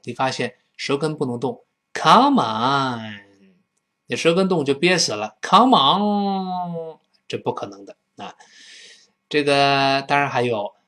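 Lively male English teacher, husky voice. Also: on the high side. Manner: lively, acts out dialogue lines in a raised voice. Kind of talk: spoken English lesson.

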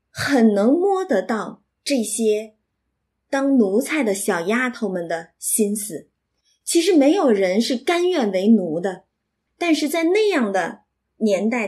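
A woman explaining a classic novel, reading and commenting in an expressive, reflective storytelling manner. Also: fairly high pitch. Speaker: literature lecturer and reader.

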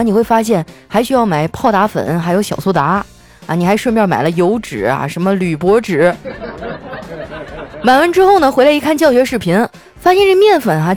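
A woman's voice: mid-range voice, a little mellow. A woman host telling funny everyday stories in a playful manner, laughing often. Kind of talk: comic storytelling monologue.

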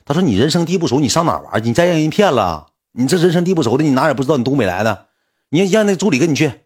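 A woman's voice: sits low, sing-song, rapid-fire, darkish tone, breathy edge, pitched above the performer's own voice, full character voice. Man playing a nagging older-sister boss. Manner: nagging, scolding warnings.

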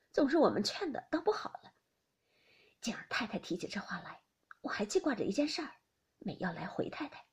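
A tactful young maidservant, earnest and careful, played by a woman reader. Her voice sits a bit high and breathy, with an animated lilt. It comes from an audiobook of a classic novel. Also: full character voice.

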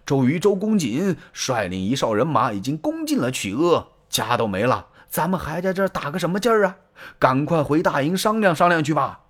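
Storyteller man as a flustered warlord, high and rushed, urgent. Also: sing-song. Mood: alarmed.

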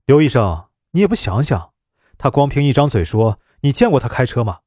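A man's voice: mid-range voice, big pitch swings, a little fast, dark tone, no echo, clean studio sound. A man doing a grumpy veteran driver. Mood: irritated. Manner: irritable, snapping retorts.

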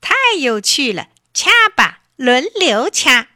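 A jolly storybook crab cheers and urges everyone on, high and bouncing with glee. A woman puts him on while reading aloud, in a dry, close recording. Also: measured pace, no room sound, heavily acted. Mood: gleeful. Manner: gleeful, excited. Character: jolly crab who loves to pinch.

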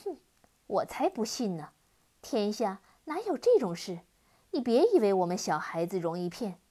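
A woman's voice: mid-range voice, very animated, normal speed, warm tone, slightly rough. A woman doing a bold clever little girl. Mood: defiant. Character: brave clever girl, older sister. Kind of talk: storybook reading.

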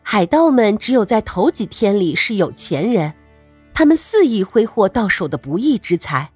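Woman, children's story narrator, highly varied intonation, breathy edge, expressive, playful, music underneath. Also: moderate pace, dry recording. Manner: animated, addresses young listeners directly, with playful exclamations.

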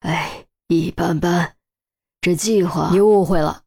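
A woman's voice: fairly low pitch, fairly even intonation, slow pace, vocal fry, a little mellow, breathy edge, heavily acted. A woman voicing a middle-aged male officer who mumbles and grumbles in an audiobook story. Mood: grumbling.

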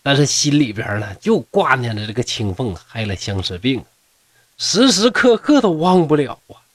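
In a dry recording, a middle-aged man speaking with a Northeastern Mandarin accent tells a traditional tale in a jokey, homespun manner, chatting to listeners along the way. His mid-range voice is very animated and moves at a moderate pace.

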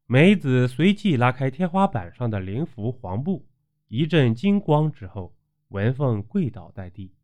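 Slow, animated male ghost-story narrator. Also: mid-range voice. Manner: animated storytelling with acted voices.

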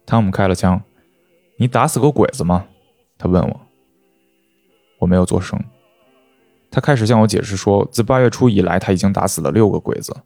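Deep-voiced man reading a story. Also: a little fast, long pauses, warm tone, dry recording, faint music behind. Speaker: host and reader. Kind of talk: literary reading aloud.

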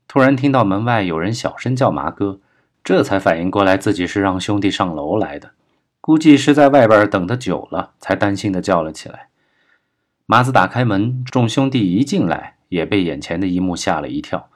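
A male audiobook narrator with a lowish voice, reading a crime novel at a steady, measured pace. The delivery is even and controlled.

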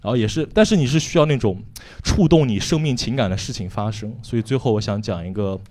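Young man, from Shanxi, stand-up comedian, frank, rambling, filler-heavy, mid-pitched. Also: animated, fast, mellow. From Shanxi, China. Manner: rambling, frank, self-mocking storytelling with many fillers. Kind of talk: stand-up set.

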